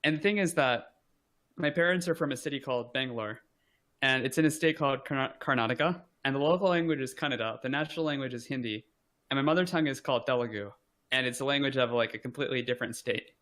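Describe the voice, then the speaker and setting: Guesting on a podcast, a young man speaks quickly in a medium-pitched voice. He keeps things relaxed and digressive, with frequent "like"s and little jabs at himself.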